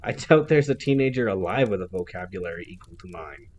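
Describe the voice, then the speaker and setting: A man's voice: sits low, lively intonation, brisk, darkish tone, muffled recording, a little hiss or hum. A man doing a cool arrogant boy genius. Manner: crisp, clipped and formal. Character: arrogant young teen male genius, cool and precise.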